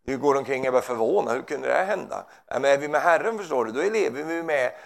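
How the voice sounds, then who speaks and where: Very gravelly fervent male preacher. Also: mid-range voice, animated. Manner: fervent, peppers his talk with hallelujahs and amens; rambling, with frequent restarts and asides. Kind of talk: informal preaching in a conversation.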